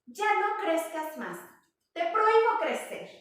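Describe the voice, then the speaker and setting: A woman voicing a controlling, overprotective mother kangaroo who scolds and forbids loudly. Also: very high voice, very animated, takes it slowly, pitched above the performer's own voice, heavily acted. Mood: scolding. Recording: echoey room from far off.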